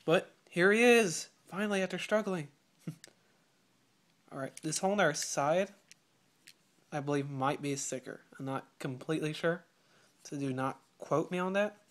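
At home on a patterned rug, a teenage boy getting over a cold eagerly chats through a toy unboxing, often clearing his throat. His voice is fairly high, a little slow, with frequent pauses. The phone camera is held close, and loud crinkling plastic packaging comes through clearly.

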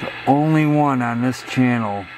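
A man making slow, mocking remarks in casual on-air radio chatter, heard over a mistuned sideband radio that pitches his voice down and makes it warble. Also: heavy background noise. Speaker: radio operator. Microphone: heard over a radio receiver.

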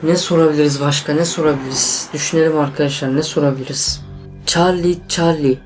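Young male vlogger, jittery, excitable, chatty to viewers; faint music underneath. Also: a little high, fast talker. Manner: tense, excitable, addresses viewers as friends. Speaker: YouTuber. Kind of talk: casual vlog to camera.

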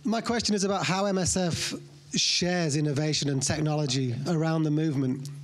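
A man's voice: on the high side, brisk. A man asking an organized question from the audience at a conference. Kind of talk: question from the floor. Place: conference hall.

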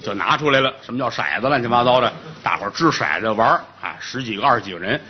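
Lively male storyteller with a lilt. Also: mid-range voice, fast, husky, dull audio. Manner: lively, colloquial, comic asides. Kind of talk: traditional comic storytelling.

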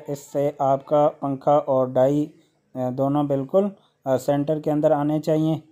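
A man hosting a how-to video, explaining a workshop machine step by step with occasional hesitant "uh" pauses. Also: fairly high pitch, mellow. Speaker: electrician channel host.

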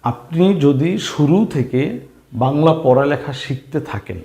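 A man's voice: fairly high pitch, steady tone, measured pace, dark tone. A man teaching beginners to read, patiently spelling out letters and syllables, repeating each one and asking questions as he goes. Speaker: Bengali reading teacher. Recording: roomy echo.

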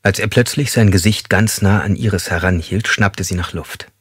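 A man reading a thriller audiobook in an even, measured way. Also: sits low, husky, no echo, studio quality. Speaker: audiobook narrator. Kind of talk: scripted thriller narration.

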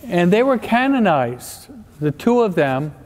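In a large, echoey church with long reverb, a priest delivers a parish talk in a high, sing-song, slightly mellow voice at a measured pace, with soft music behind him. He blends teaching with jokes, often quizzing his listeners to check in.

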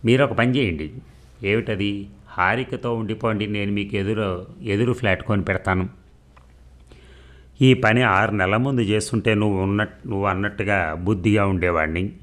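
A man's voice: lowish voice, normal speed. A man reading a novel aloud, narrating and voicing every part with small shifts in his voice and a few slips and restarts. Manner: reads dialogue with light voice changes, some slips and restarts. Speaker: novel reader. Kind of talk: audiobook narration of a novel, voicing all parts.

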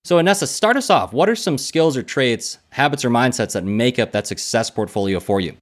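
Man in his thirties, mid-pitched voice, friendly chatty host, headset mic. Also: expressive, brisk. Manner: friendly, chatty, many restarts. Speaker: podcast host. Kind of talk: interview hosting. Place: indoor room at home. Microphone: headset on video call.

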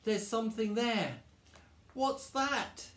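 A man voicing a frightened little boy searching for his teddy, high and anxious, in an echoey room. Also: a little slow, a little mellow. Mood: scared.

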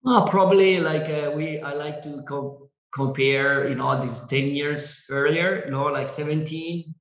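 A man, a winery owner whose first language is Italian, speaking on a video call in halting English with many fillers and restarts. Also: a little high, steady tone, a bit bright, roomy sound, poor audio. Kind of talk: Zoom wine tasting interview.

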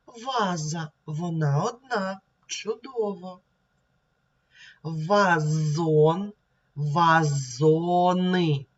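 Slow, deliberate woman teaching young children to read. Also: sits low, lo-fi sound. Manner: sounds words out slowly and deliberately. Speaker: primary school teacher. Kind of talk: slow, clear reading lesson for young children.

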